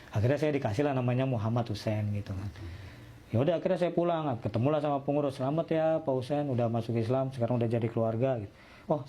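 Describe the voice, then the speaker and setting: A man tells his story in casual chat, acting out the voices of the people in it. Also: medium pitch. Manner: lively, acts out quoted voices in dialogue. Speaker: guest telling his conversion story.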